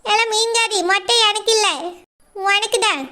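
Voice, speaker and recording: Someone voicing a squeaky bossy old aunt. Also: little pitch movement, a little slow, pushed and bright, exaggerated voice. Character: stern elderly aunt.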